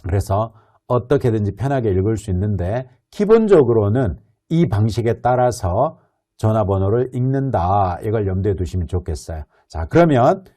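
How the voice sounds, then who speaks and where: A man teaching an English lesson, explaining patiently and reading model sentences slowly and clearly for learners to repeat. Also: on the low side, warm tone. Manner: explains patiently, with rhetorical questions. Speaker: English instructor.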